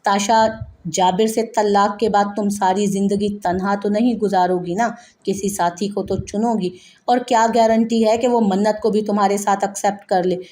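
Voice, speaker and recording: A woman voicing a stern elder brother of the family who speaks gravely and with authority, in a narrated audio novel. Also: mid-range voice, steady tone, normal speed, a little mellow, close to an everyday voice. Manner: grave, commanding.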